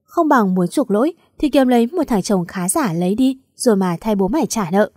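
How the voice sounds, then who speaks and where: A woman's voice: medium pitch, animated, brisk, a little mellow, no echo, clean studio sound, lightly acted. A woman doing a harsh, meddling aunt. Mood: pushy. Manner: harsh, pushy. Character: meddling sharp-tongued middle-aged aunt.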